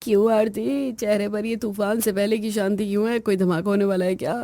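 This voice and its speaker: A woman's voice: mid-range voice, fairly even intonation, fairly quick, mellow, no room sound, lightly acted. Brief: a woman playing a teasing young husband for an acted family story, light and jokey, in a dry, close recording. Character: joking young husband, easygoing.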